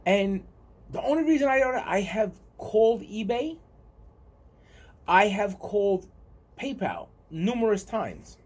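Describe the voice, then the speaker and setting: A man's voice: high-pitched, big pitch swings, unhurried, pauses often, darkish tone. A man from the United States with a New York accent, chatting casually to his viewers and rambling and repeating himself. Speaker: vlogger. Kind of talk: casual talk to camera.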